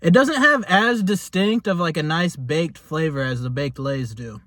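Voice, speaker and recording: A man's voice: a little high, lively intonation, unhurried, fairly bright tone. A man giving a casual, rambling food review in a laid-back, chatty way, as host of a taste test. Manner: rambling, laid-back, hesitant phrasing with lots of "like".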